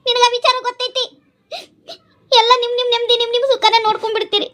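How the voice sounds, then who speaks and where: A woman's voice: very high voice, fairly even intonation, moderate pace, creaky, slight background noise. A woman voicing a tearful, hurt young wife in a cartoon, with a North Karnataka accent. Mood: resentful. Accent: North Karnataka Kannada. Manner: tearful, sulky. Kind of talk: cartoon voice acting.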